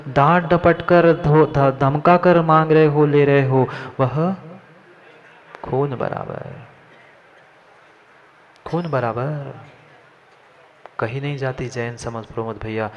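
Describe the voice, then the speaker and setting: A man with a fairly high voice delivers a Jain sermon, repeating key phrases and calling on listeners by name. The recording sounds dull and lo-fi. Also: slight background noise. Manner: addresses listeners by name, repeats lines for emphasis. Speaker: Jain monk preacher.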